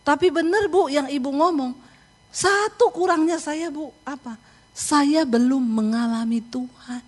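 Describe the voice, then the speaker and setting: A man's voice: extremely high pitch, a little slow, pitched above the performer's own voice. A woman preacher voicing an educated man who confesses his arrogance. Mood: earnest. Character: proud educated man turned humble.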